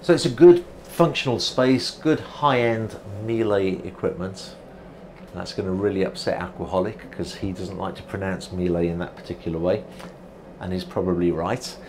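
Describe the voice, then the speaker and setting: A man's voice: low-pitched, steady tone, normal speed, a little mellow, slight background noise. A middle-aged man giving an enthusiastic walkthrough tour of a yacht, guiding the viewer as he walks. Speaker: yacht reviewer. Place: outdoors on a yacht deck and inside its saloon at a boat show.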